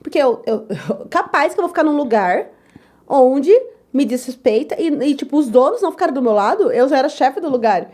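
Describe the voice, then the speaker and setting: A young woman chef telling her story in an interview, lively and loud, acting out the voices of others. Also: high-pitched, a little fast. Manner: lively, acts out quoted voices, repeats "tal, tal"; says she talks loud and gruff. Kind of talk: animated personal storytelling.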